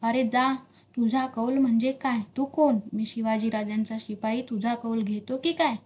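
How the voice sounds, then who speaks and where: A fiercely loyal warrior answers with scorn and defiance, as a woman narrator voices him. The voice is a little high. It stays close to a plain reading voice. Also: steady tone, normal speed, a little mellow, natural voice. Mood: defiant.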